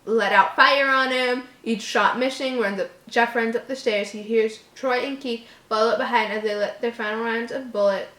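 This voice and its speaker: Reading horror material aloud as host, a woman keeps a steady, fairly bright tone in a slightly high voice, moving at normal speed with few pauses. She stumbles over her lines and interrupts with mocking, exasperated remarks, and the room sound is echoey.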